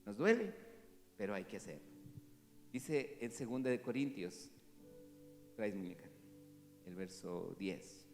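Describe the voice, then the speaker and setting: A man, a pastor preaching an animated sermon that swings from loud to hushed. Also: on the low side, measured pace, long pauses, big-room sound, faint music behind. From Mexico. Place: church hall.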